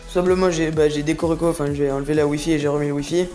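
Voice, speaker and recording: Speaking very fast in a mid-range, slightly mellow voice with fairly even intonation, a young host guides viewers through a phone app step by step. Faint music plays behind this casual screen-recording tutorial, which is chatty, rambling, and full of hesitations.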